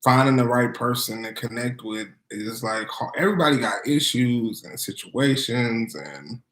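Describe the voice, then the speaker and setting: A man's voice: mid-range voice, expressive, normal speed, fairly bright tone. An American man in casual vlog conversation, slangy and hesitant, often repeating himself as he makes his point. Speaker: vlog co-host. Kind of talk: casual chat. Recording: roomy, echoing sound.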